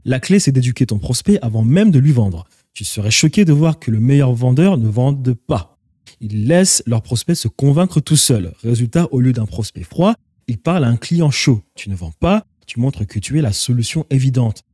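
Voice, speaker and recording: A man's voice: mid-range voice, animated, normal speed, mellow, slightly rough, no room sound, clean studio sound. A man coaching viewers on online sales, talking emphatically and asking rhetorical questions straight at them. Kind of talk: instructional talk to camera.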